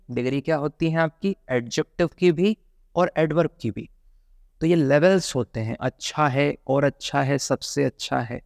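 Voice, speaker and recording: A man teaching English grammar for exam prep, chatty and drawing out his examples slowly. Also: fairly high pitch, dry recording, studio quality. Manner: chatty, drills examples slowly, calls viewers brother.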